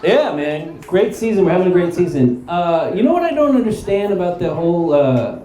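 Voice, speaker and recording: A young man doing stand-up storytelling on stage, animated and acting out other people's lines. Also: high voice, moderate pace. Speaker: stand-up comedian. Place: comedy stage before a laughing audience. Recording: roomy live club with crowd laughter.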